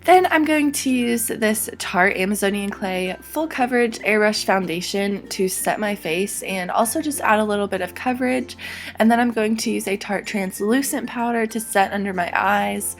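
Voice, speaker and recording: A young woman with a hoarse, slightly sick voice, chatting through a makeup tutorial as a beauty vlogger. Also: medium pitch, moderate pace, faint music behind. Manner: chatty, upbeat product talk with many "like"s.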